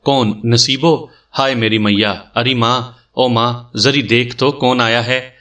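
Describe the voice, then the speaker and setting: A man's voice: medium pitch, fairly even intonation, fairly bright tone, recorded from a distance, close to an everyday voice. A chatty, bossy eunuch calling out in brash, teasing scolds, voiced by a male narrator. The tone sits only a little above the reader's own. The voice sounds slightly away from the microphone. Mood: excited calling.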